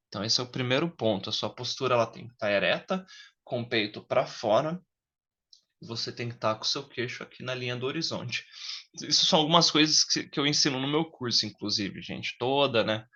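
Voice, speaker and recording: Bright-voiced Brazilian man coaching viewers. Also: medium pitch, muffled recording. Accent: Brazilian Portuguese. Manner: direct and confident, addresses viewers as "gente". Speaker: social skills coach. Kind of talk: casual instructive monologue to camera.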